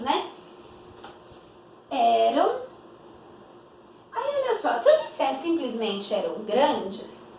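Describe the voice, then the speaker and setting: A woman with a high voice gives a grammar lesson, pausing often to quiz her students with questions. She draws out the example phrases slowly so they sink in. The recording is roomy and echoey, with her voice a bit distant from the mic and faint background hiss. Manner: didactic, stretches example phrases slowly, many rhetorical questions. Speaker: teacher. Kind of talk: explanatory classroom lesson.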